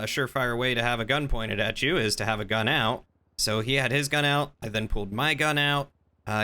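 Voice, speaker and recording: A man's voice: mid-range voice, bright, forceful tone, clean tone. A man playing a chill, slightly dim surfer-dude police trooper with a laid-back drawl in an improvised game role-play.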